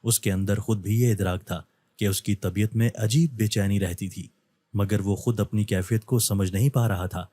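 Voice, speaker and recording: Male storyteller, scripted narration; low, warm, dry sound. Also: steady tone, dry recording.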